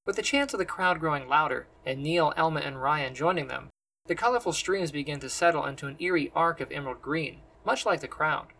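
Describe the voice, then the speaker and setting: Husky male storyteller. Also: on the high side, pushed and bright, rough recording. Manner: measured, descriptive storytelling. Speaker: narrator. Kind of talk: scripted fantasy audiobook narration.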